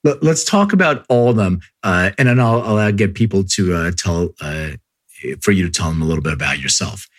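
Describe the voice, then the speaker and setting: A man's voice: deep voice, expressive, fairly quick. A man from Philadelphia hosting a casual interview, rambling with many restarts and frequent laughs. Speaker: podcast host.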